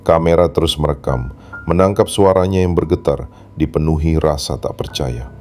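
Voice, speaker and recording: A man's voice: very deep voice, moderate pace, darkish tone, a little hiss or hum. A man reading a scripted horror story as narrator, in a solemn, dramatic storytelling manner.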